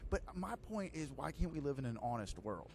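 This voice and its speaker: A man's voice: a little high, big pitch swings, fairly quick, gravelly, a little mellow, a little hiss or hum. A man in his thirties hosting a podcast, chatting loosely and filling his talk with "like" and "dude". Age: 30s. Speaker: podcast host. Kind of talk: casual chat.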